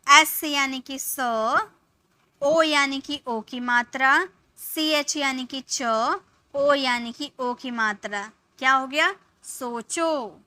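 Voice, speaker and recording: Slow, high-voiced woman teaching spelling. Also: pushed and bright, no echo. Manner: slow, patient, spells out each letter and sound. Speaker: English teacher. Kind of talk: spoken lesson on spelling Hindi words in English letters.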